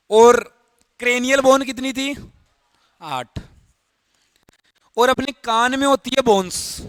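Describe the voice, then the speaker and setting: A man with a very high, slightly bright voice gives a biology lecture in Hindi with a Rajasthani accent, explaining step by step, repeating key terms, and questioning his students. There is no room sound in the recording.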